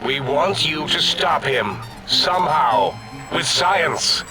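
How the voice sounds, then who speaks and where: Pompous, domineering robot scientist, high-pitched. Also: male voice, lively intonation, slow pace, low-quality recording. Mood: urgent, imperious. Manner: pompous, declamatory, imperious. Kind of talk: theatrical video game voice acting. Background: loud music.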